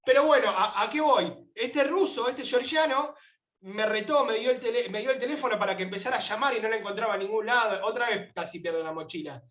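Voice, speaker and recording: A man's voice: high-pitched, a little fast, reverberant, lo-fi sound. A man from Argentina with an Argentine accent, a guest telling a heartfelt story in an interview and acting out the voices in it. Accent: Argentine Spanish. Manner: animated, acts out quoted voices. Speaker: guest pilgrim.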